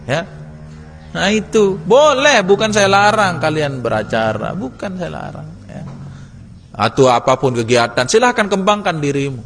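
A male religious teacher giving a lively classroom lesson, teasing and urging his students on. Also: fairly high pitch, moderate pace, creaky. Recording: long hall reverb.

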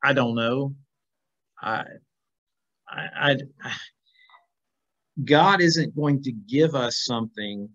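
This middle-aged man has a medium-pitched, fairly bright voice. He's running a casual Bible class on a video call, reading aloud and discussing it with questions to the class. The dull, lo-fi audio comes from a computer microphone in a small plain indoor room.

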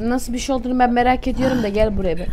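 A woman chatting with friends while gaming, loud, crude and excitable in her banter. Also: fairly high pitch, very fast, background noise. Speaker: gamer. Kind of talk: casual group chat while gaming. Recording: loud music behind.

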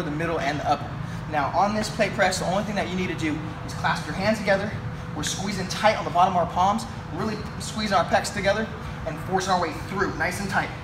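In a weight room, a young fitness coach whose voice sits high gives energetic chest-workout instruction, talking through the moves as he lifts. The distant camera audio, from a mic a few feet away, picks up room noise.

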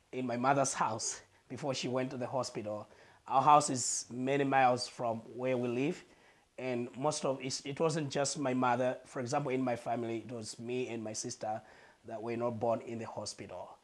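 A Malawian man appears as a guest in a living room, wearing a lapel mic. He tells his life story earnestly in a mid-range voice, pausing now and then to search for words.

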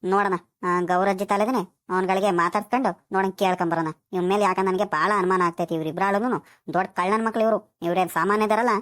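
A woman's voice: medium pitch, steady tone, fast talker, natural voice. A woman voicing a suspicious, scolding village woman in a cartoon. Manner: fussing, scolding. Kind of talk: cartoon voice acting.

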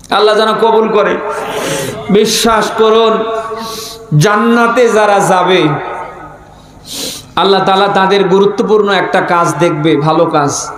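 A high-voiced man delivers an impassioned sermon. He exhorts his listeners, repeating phrases for emphasis and putting questions to them. The sound is heavily echoing, as if amplified in a big reverberant space. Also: a bit bright. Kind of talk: impassioned sermon addressed to a gathering, with call-and-response questions.

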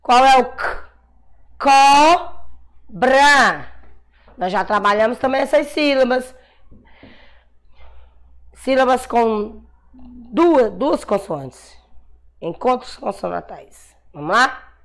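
A Brazilian woman teaching a class of young children, sounding out syllables slowly and patiently, calling herself auntie and praising often. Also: on the high side, expressive. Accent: Brazilian Portuguese. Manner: calls herself "tia", encouraging praise. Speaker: primary school teacher. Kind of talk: slow dictation-style class for young children.

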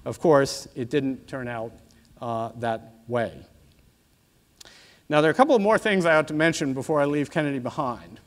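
A man in his sixties giving an academic lecture in a measured, discursive professorial manner with asides. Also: mid-range voice. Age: 60s. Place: auditorium stage at a lectern, indoors.

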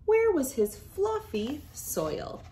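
Reading a storybook aloud to children, this thirties-aged woman is animated and unhurried, her voice sitting high. She narrates expressively and deliberately from a small indoor wood-panelled room, with slight background noise.

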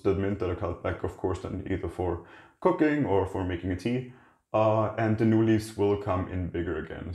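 In an echoey indoor kitchen by the windowsill, a plant channel host gives a casual tour of his plants. His voice is very low and his delivery loose and chatty, relaxed and rambling, full of fillers and frequent restarts.

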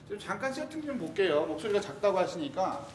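A man's voice: very animated, fast, far from the mic. A middle-aged man from South Korea, a golf instructor chatting casually on a live stream, greeting viewers by name and checking his volume. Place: indoor golf studio. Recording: roomy, off-mic echo with faint rumble.

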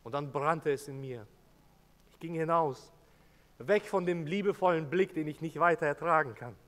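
A man's voice: fairly high pitch, normal speed, fairly bright tone, lightly acted. A man preaching as a remorseful apostle, speaking earnestly in first person with emotional swells in a church. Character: remorseful adult male apostle recounting his denial. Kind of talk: first-person dramatic sermon monologue. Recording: long church reverb.

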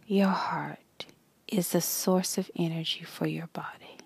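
A woman guiding a meditation in a slow, soft whisper with long pauses. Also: lowish voice, steady tone, creaky, husky. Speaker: meditation guide. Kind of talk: guided meditation.

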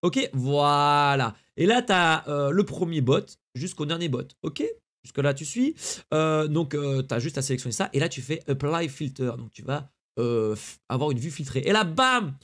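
Young male streamer, higher voice, slangy, chatty tutorial delivery. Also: expressive, normal speed, fairly bright tone. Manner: chatty, slangy, addresses viewer directly. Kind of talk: casual screen-recorded tutorial.

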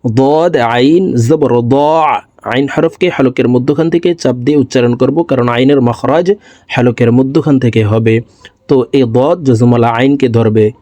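A man teaching Quran recitation, spelling out syllables slowly and explaining pronunciation rules to viewers. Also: mid-range voice, warm tone, no echo. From Bangladesh. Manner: slow melodic chanted recitation.

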